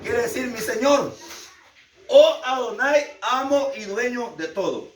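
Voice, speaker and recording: A man's voice: extremely high pitch, animated, moderate pace, fairly bright tone, slight background noise. A man with a Salvadoran Spanish accent teaching a Bible lesson to a class, repeating key words emphatically and asking the class questions. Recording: echoey room, speaker far from mic.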